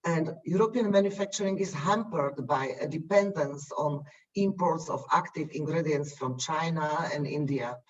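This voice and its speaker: A man giving formal panel remarks as a UN official, measured and listing his points one by one. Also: on the high side. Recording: distant, muffled video call audio.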